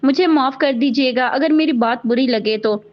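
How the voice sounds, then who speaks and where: A woman's voice: high-pitched, moderate pace, close to an everyday voice. A woman reading the lines of a proud, vengeful young doctor in a cold, biting tone. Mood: insistent. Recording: dull lo-fi audio.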